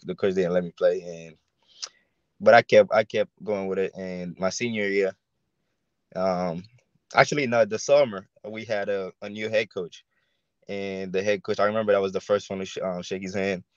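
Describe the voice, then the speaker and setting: His voice sits low and there's no echo as this young Haitian guest, a college football punter, chats on a video call. Fillers and restarts make his speech halting, and the audio is dull and lo-fi.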